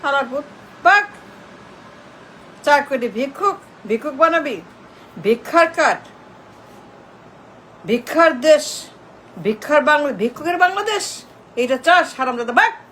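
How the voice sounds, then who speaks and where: High-voiced woman ranting. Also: expressive, normal speed, pauses often, fairly bright tone, a little hiss or hum, poor audio. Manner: repetitive insults and warnings hurled at one person. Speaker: video commentator. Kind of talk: angry scolding rant to camera.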